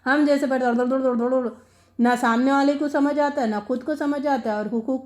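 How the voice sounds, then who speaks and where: A high-pitched, slightly mellow woman's voice with fairly even intonation leads a lesson on reciting the Quran. As a Quran teacher in a religious lecture, she is earnest and questioning, repeats phrases for emphasis, and mixes in English words.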